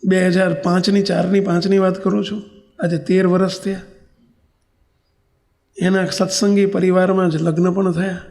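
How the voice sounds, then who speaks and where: A man's voice: high-pitched, little pitch movement, normal speed, vocal fry, pauses often, a little mellow. A man with a Gujarati accent who is a monk preacher, telling a story in a sermon and acting out the dialogue.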